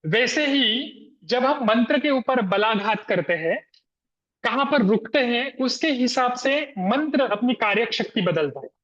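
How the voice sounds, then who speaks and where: A man with a very high-pitched voice lectures to students over a video call, pausing often to demonstrate his examples. The audio comes through slightly muffled and dull, as a web meeting does. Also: a bit bright. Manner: explanatory, with pauses and demonstrative examples. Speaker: guest lecturer. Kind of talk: online lecture with slides. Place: room in Gujarat.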